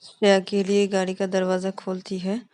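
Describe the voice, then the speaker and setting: A woman's voice: mid-range voice, completely flat delivery, moderate pace, a little mellow, dry recording. A woman casually narrating a love story, linking each step with the same simple phrases. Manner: plain, repeats linking phrases.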